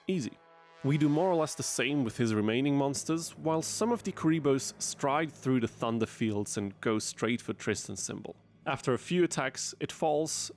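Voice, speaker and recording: A man giving scripted gameplay commentary as a channel narrator, with wry, dry asides. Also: medium pitch. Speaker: gaming video narrator.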